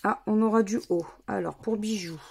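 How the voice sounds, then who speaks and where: A woman vlogger offers laid-back commentary as she plays scratch games, calling out letters and numbers one by one in a methodical way. Her medium-pitched voice moves at a normal speed, darkish and slightly rough, with vocal fry.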